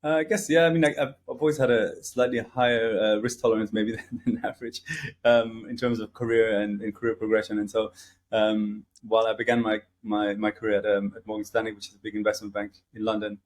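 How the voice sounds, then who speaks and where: Low-voiced man, hesitant interview guest. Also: little pitch movement, a little fast. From grew up in several countries. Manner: hesitant, many fillers and restarts. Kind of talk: casual interview conversation.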